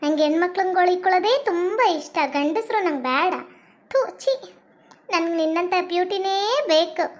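Woman as sing-song, leering cellmate in a comic skit; high voice. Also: normal speed. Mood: taunting. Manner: taunting, sing-song repetition. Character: pushy, leering female cellmate, bossy.

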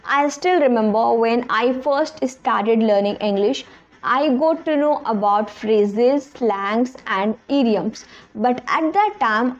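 A young woman who grew up speaking Hindi addresses the camera from close range in her small bedroom, talking in an earnest, straightforward way about her English studies. Her slightly high voice has a darkish tone, and the sound is dull.

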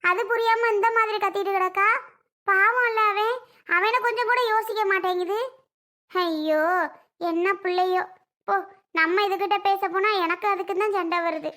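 A performer with a very high, bright voice plays a fretting middle-aged mother-in-law in a family comedy skit, pleading and scolding by turns. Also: steady tone, moderate pace. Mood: exasperated.

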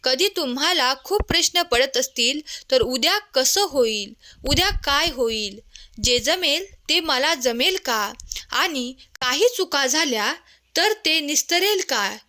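A woman narrating a devotional message in a gentle, tender way, addressing the listener as a child. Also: high voice, expressive, slow pace.

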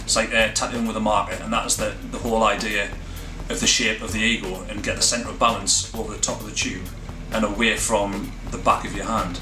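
A man presenting a tattoo machine he designed, in steady product-promo narration. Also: on the low side, fairly quick, few pauses. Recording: roomy promo with music behind. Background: music.

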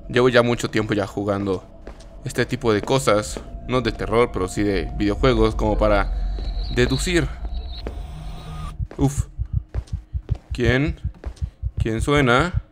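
A young man, a gaming YouTuber, commentates a horror game while he plays it, reacting with swearing and nervous laughter. He has a medium-pitched voice, takes things slowly and pauses often, and there is slight background noise.

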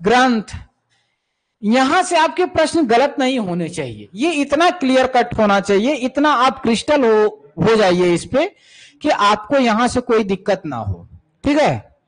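A man's voice: very high voice, sing-song, measured pace, rough recording. A man coaching students for music teacher exams, who repeats key terms and speaks to students as "beta" while answering viewer questions.

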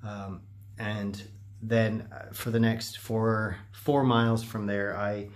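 A man's voice: fairly low pitch, little pitch movement, slow pace. A middle-aged man recording a casual personal vlog on a handheld phone, rambling and self-deprecating as he talks. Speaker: running vlogger. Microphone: phone at arm's length.

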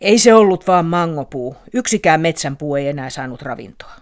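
A woman voicing a grumpy, nimble little springtail that talks gruffly and loudly. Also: lowish voice, lightly acted. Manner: gruff, loud, slow.

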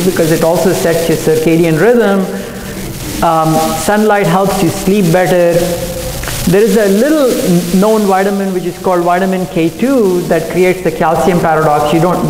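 A middle-aged man, a cardiologist, giving an earnest conference talk at a podium microphone, talking quickly with fillers and self-corrections. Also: high voice, a little mellow, slight background noise. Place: large hotel conference room. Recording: echoey hall, recorded from afar.

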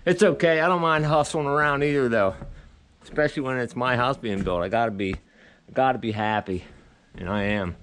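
A man's voice: medium pitch, moderate pace, a bit bright, a little hiss or hum. A middle-aged man filming a casual walk-and-talk vlog outdoors on a head-mounted action camera, talking in an easygoing, rambling way with many restarts. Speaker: vlogger and beekeeper. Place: outdoors at a rural building site.

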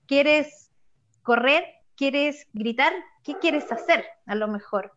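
A woman's voice: high voice, slight background noise. A woman chatting animatedly as co-host, restarting her words often. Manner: animated, quick, stumbling restarts. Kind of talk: casual talk show conversation. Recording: slightly dull lo-fi sound.

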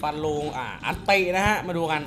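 A man reviewing a fighting game character, talking through the moves and exclaiming loudly at the flashy attacks. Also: on the high side, fairly quick, background noise. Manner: excitable, exclaims and gasps often. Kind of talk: excited gameplay commentary. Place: home beside a busy road.

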